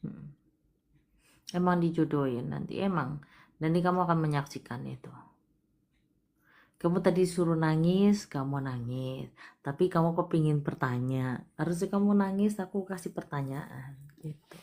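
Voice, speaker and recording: A woman hosting a live palm-reading stream, talking to a caller in a coaxing way and often dropping to a hushed voice. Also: low voice, normal speed. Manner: coaxing, repeatedly urging the caller to cry; drops to soft, hushed delivery.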